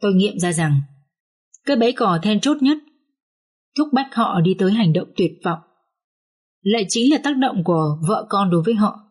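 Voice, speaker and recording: A woman narrating an audiobook story in the first person, with a slow, sorrowful telling. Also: mid-range voice, expressive, darkish tone, husky. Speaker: audiobook reader.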